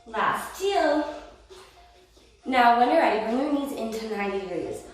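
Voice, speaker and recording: A woman's voice: fairly high pitch, animated, moderate pace. A woman Pilates instructor cueing a workout and counting reps, encouraging and a little winded as she exercises along. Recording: roomy echo, distant mic, faint music.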